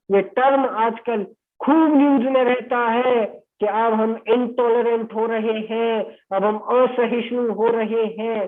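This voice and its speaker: A male teacher giving an exam-prep lecture, explaining in Hindi mixed with English phrases, often checking understanding with short questions and slowing down to stress key English terms. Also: high-pitched. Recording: tinny phone-like sound.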